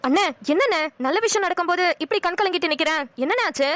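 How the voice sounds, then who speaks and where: A woman's voice: very high-pitched, animated, fast, a bit bright, no echo. A woman voicing a fussy aunt who asks question after question insistently in a cartoon. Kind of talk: cartoon voice acting.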